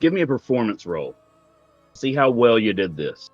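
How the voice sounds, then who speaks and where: Man, game master, animated pitch, casual tabletop narration, lo-fi sound, music behind. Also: normal speed, dry recording. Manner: casual, conversational.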